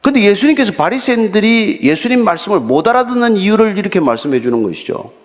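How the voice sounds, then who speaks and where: A middle-aged male pastor with a high, animated voice preaches in a church sanctuary, and his words ring out with a long reverb. He talks to the congregation as if in conversation, asking rhetorical questions and acting out quotes. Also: fast. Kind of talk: sermon.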